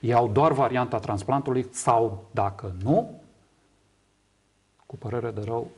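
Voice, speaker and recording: A kidney patient advocate, a Romanian man in his fifties, is interviewed in a small indoor TV studio on a lapel mic, and the recording sounds muffled. His mid-range voice is a little mellow and husky. He explains emphatically, repeating words for agreement.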